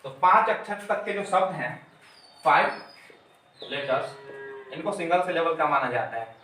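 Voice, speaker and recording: A man's voice: on the high side, animated, normal speed, bright, forceful tone, slight background noise. A man teacher explaining a grammar lesson step by step, repeating his key terms. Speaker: English teacher. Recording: very echoey room, mic far off.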